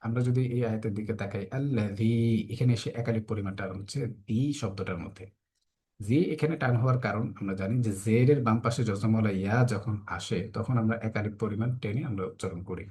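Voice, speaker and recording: A man teaching a tajweed lesson for children, explaining the rules patiently step by step and reciting verses slowly with long drawn-out vowels. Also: lowish voice, darkish tone.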